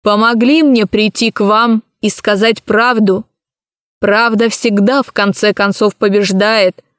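A woman's voice: medium pitch, fairly even intonation, measured pace, no room sound, studio quality, close to an everyday voice. A woman voicing a proud, dignified empress who speaks with stately scorn. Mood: solemn.

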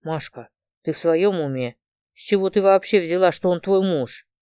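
A woman's voice: lowish voice, normal speed, mellow, clean tone, no room sound, natural voice. A woman reading an audiobook, voicing a blunt, sarcastic young woman friend of the narrator. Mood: disbelieving.

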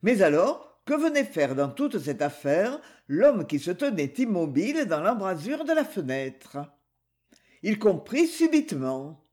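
A woman narrating a crime novel, expressive in her reading. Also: mid-range voice, a little slow. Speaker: audiobook reader.

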